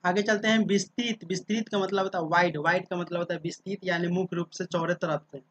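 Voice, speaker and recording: A man's voice: high voice, fairly even intonation, fast talker. A man teaching English vocabulary in a casual spoken lesson, spelling each word out letter by letter and often checking in with his listeners. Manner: drills words by spelling them out letter by letter. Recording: dull, dry lo-fi sound.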